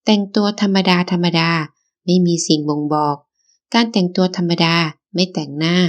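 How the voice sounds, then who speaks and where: A woman reads a novel aloud as an audiobook narrator. Her voice sits a little low and stays calm and even. She reads steadily through the scene. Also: moderate pace, highs cut off.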